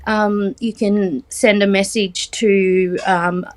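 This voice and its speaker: An Australian woman in her forties, chatting as a guest in a casual interview, filling pauses with ums and teasing lightly. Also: medium pitch, flat delivery, darkish tone. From Australia, Central West New South Wales. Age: 40s.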